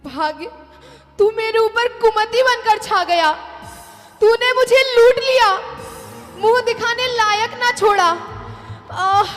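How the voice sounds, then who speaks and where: Brief: woman acting anguished penitent king, very high pitch, slow stage delivery. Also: fairly even intonation, a bit bright, heavily acted. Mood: despairing. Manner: anguished, pleading declamation. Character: remorseful king, grieving father of his daughter. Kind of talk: stage play dialogue. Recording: reverberant hall with background music.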